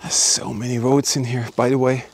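Walking through a forest and ruined buildings, this history-exploring channel host talks to camera in a mid-range, slightly rough voice with little pitch movement at normal speed. His delivery is enthusiastic and emphatic, full of repeated words.

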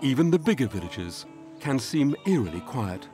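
A man giving measured, scripted documentary narration. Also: mid-range voice, sing-song, music in the background.

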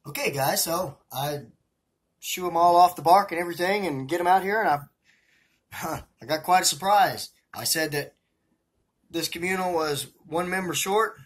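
A man's voice: sits high, normal speed, breathy edge. A man with a Southern US accent narrating a casual feeding video as a hobbyist keeper, chatty and rambling, talking to viewers as guys. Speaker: hobbyist scorpion and tarantula keeper.

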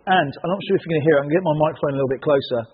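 A man's voice: on the high side, rapid-fire, background noise. A man from Somerset with a West Country accent, presenting a casual car auction preview in a chatty, enthusiastic way. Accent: West Country English. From Somerset, West Country England. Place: large indoor car warehouse. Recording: muffled, echoing large hall.

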